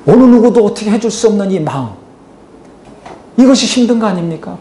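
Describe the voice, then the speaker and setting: A man's voice: high-pitched, darkish tone. A male pastor preaching a sermon in church, pressing his points with rhetorical questions and calls to prayer. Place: church sanctuary. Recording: echoey church hall.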